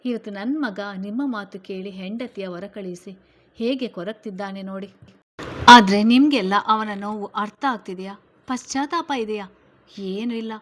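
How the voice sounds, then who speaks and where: A woman reading a storybook voicing a stern, protective middle-aged mother who scolds her relatives loudly and forcefully. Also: medium pitch, normal speed, natural voice. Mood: angry.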